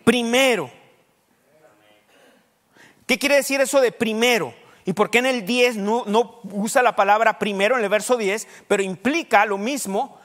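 Male pastor, high voice, sermon in a reverberant church hall. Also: a bit bright. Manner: preaching with questions to the congregation, rushed bursts. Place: church sanctuary.

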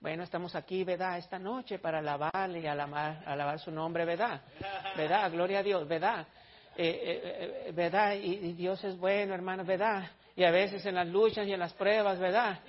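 A man's voice: sits high, steady tone, moderate pace, close to an everyday voice. A man mimicking a droning old-style preacher who tacks a tag question onto every phrase, in a dull lo-fi recording. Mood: mocking.

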